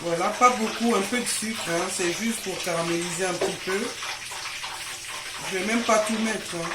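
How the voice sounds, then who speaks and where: A woman's voice: mid-range voice, normal speed. A woman hosting a casual home baking tutorial, chatting to viewers like friends and checking that they follow along. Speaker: home baking video host. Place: indoors in a home kitchen. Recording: echoey room with faint noise.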